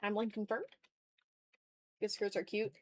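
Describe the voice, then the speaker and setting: An illustrator hosting an art livestream chats with viewers while she draws, her mid-range voice darkish and flat at a normal speed. She's informal and joking, with some mild swearing.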